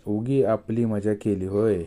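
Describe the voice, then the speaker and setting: A man's voice: lowish voice, fairly even intonation, takes it slowly, mellow. A man voicing a rude male fare-dodger who talks back in an insolent drawl.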